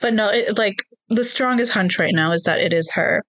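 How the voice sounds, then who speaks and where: A podcast co-host, a woman who isn't a native Korean speaker, recaps a TV show's plot in a chatty, hedging style loaded with ums. Her medium-pitched, slightly bright voice moves at a normal speed with no echo.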